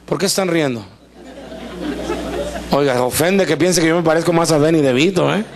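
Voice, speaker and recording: Male pastor, high voice, animated comic preaching full of questions to the crowd. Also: moderate pace. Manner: animated and joking, acts out voices; asks the congregation questions often. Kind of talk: live Spanish sermon. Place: church service before a congregation.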